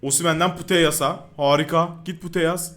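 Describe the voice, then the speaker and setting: A man giving live commentary over his own football video game match, excitable and quick to yell in frustration at the game. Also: on the high side, faint music behind. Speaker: gaming YouTuber.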